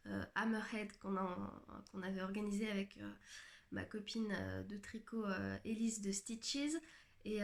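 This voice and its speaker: A woman hosting a knitting podcast, chatting casually to the camera, hesitant and full of fillers and restarts, with a self-mocking touch. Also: mid-range voice. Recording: echoey room.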